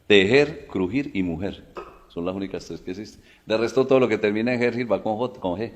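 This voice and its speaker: A man's voice: fairly low pitch, brisk. Man, folksy spelling explainer. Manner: folksy, explains with everyday examples, says "vea" and "mire". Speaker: guest explaining spelling rules. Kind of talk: casual explanatory talk. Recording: long echoing reverb.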